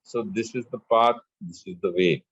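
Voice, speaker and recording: A man teaching spiritual lessons in a measured way, chanting scripture verses between his explanations. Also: fairly low pitch, fairly bright tone, slightly rough, no room sound, highs cut off. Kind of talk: spiritual discourse with scripture recitation.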